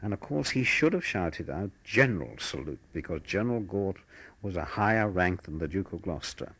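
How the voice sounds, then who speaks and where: An older man, a war veteran, telling his memories in a measured, matter-of-fact way for an oral history. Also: sits low, expressive, fairly bright tone, slightly rough, no echo.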